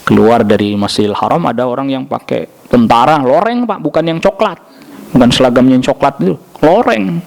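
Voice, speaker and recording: A man's voice: mid-range voice, a little fast, vocal fry. A man giving a mosque study lecture, telling anecdotes with jokes and answering questions directly. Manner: lively storytelling with jokes and acted quotes. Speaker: Islamic preacher.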